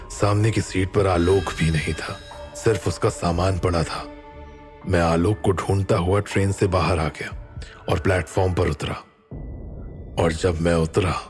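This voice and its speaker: A man with a very deep voice tells a first-person horror story at an unhurried, deliberate pace. His delivery is measured and suspenseful, with faint background music behind him. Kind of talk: dramatic horror story narration.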